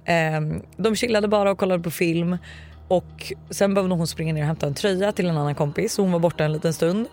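A man's voice: sits high, a little hiss or hum. A man on a podcast, casually telling an eerie personal story, acting out the quoted lines. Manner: animated storyteller, acts out quotes. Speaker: podcast host. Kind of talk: casual podcast chat, telling ghost stories.

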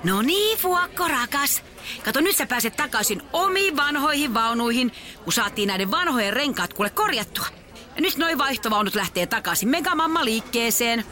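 A doting lady, played by a woman, fusses over a baby in a bright, sharp, high voice. She talks in cooing baby talk, like a character in a children's audio story. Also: lively intonation. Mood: cheerful. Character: fussing, kindly adult woman.

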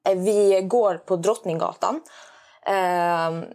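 A woman from Malmö, a guest friend on a podcast, chatting casually and telling stories with animated quoted voices. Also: lowish voice. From Sweden, Malmö. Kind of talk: casual chat.

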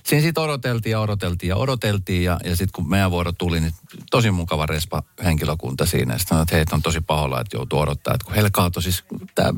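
A male radio host telling a story in a chatty, animated way from a studio. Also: sits low, no room sound. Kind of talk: casual on-air storytelling. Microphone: studio microphone.

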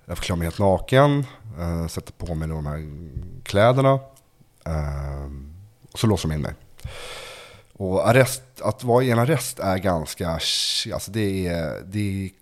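A young man telling a personal story in a conversation, halting and repeating words, padding with fillers. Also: low voice, lively intonation. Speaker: guest telling his story.

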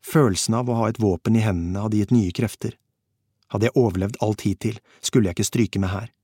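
A man narrating a first-person audiobook in a steady, measured reading. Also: lowish voice, breathy edge, dry recording, clean studio sound.

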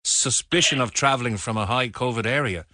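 A man's voice: mid-range voice, a little fast, sharp tone, dry recording, clean studio sound. An Irish man presenting a radio phone-in in a conversational style. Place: dry radio studio.

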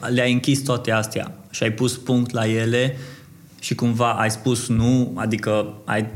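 A man's voice: mid-range voice, flat delivery. A Romanian man hosting a podcast, thinking aloud in long, winding questions. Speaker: podcast host. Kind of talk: conversational interview.

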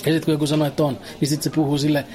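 Deadpan man telling an absurd story. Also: fairly high pitch. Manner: dry, matter-of-fact storytelling with hesitant fillers. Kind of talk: deadpan absurd comic monologue.

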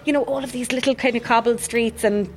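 A woman's voice: a little high, steady tone, fast talker. A woman with a Waterford Irish accent, chatting casually and enthusiastically as an interview guest. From Waterford, Ireland. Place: hotel, on location. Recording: faint background ambience.

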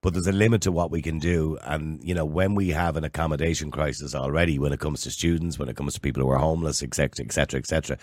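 A man's voice: very deep voice, rapid-fire, few pauses, a little mellow, dry recording, clean studio sound. An Irish man hosting a radio phone-in, opinionated and emphatic, repeating phrases and putting rhetorical questions. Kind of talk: opinionated talk radio presenting. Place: radio studio.

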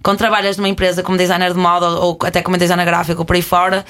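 Give me a fast-talking woman. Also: on the low side. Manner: animated storyteller, acts out people's voices. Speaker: guest, rapper and video creator. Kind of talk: casual conversation.

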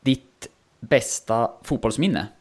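A man hosting an interview, asking questions in a measured way with many filler pauses. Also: mid-range voice, very noisy. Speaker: interviewer host.

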